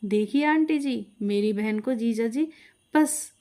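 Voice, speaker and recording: A woman's voice: on the high side, slow pace, warm tone. Woman doing an earnest elder sister.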